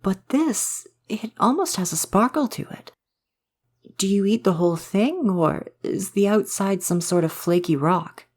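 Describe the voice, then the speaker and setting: Speaking a little slowly in a high, expressive voice, a man plays a male forest spirit who sounds fascinated and curious. It's a soft romantic ASMR audio drama, and the gentle, human-curious spirit uses formal, polite, old-fashioned language like a courtly woodland figure.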